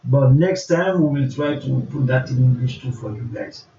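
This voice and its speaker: Ivorian guy, french is his first language, preacher teaching gently paced, soft dark voice, roomy dull audio w some noise. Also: mid-range voice, moderate pace, creaky. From Ivory Coast. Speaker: guest preacher, apostle. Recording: muffled, noisy, roomy, distant microphone.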